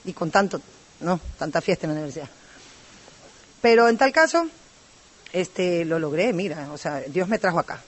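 A woman's voice: fairly low pitch, expressive, moderate pace, long pauses, breathy edge. A woman from Ecuador speaks with an Ecuadorian accent as she gives her personal testimony to a recovery group. She is talkative and rambling, piling on asides and tag questions as she goes. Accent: Ecuadorian Spanish.

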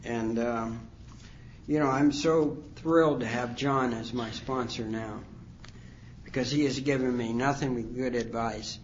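This is a man in his sixties offering halting, filler-heavy testimony about his recovery at a conference. His voice sits in a normal middle pitch with a steady tone, and the lo-fi, dull audio carries a faint hum of the hall.

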